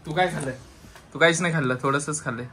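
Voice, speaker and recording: A man's voice: on the high side, rapid-fire, noisy background. A man hosting a casual vlog, talking in a teasing, coaxing way. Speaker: vlog host.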